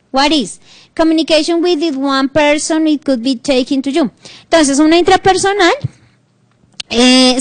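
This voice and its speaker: A woman's voice: high-pitched, no echo. A woman with a Colombian accent teaching an online class, reading English terms aloud and explaining them. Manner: switches between reading English and explaining, animated. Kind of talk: bilingual online class lecture.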